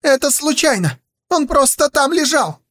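A man voicing a frightened young fox servant, shrill and pleading, pitched far above his own voice. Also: very animated, normal speed, pushed and bright, heavily acted.

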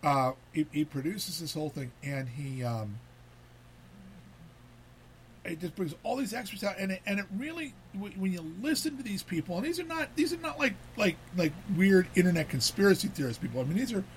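Male host, slightly high voice, loose chatty delivery with many restarts. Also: brisk, a little hiss or hum. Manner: rambling, repeats words, animated. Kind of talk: casual talk show chat.

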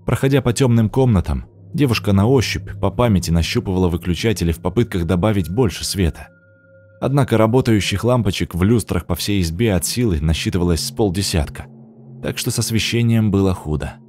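A man narrating an audiobook in a steady, measured reading voice. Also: on the low side, faint music behind.

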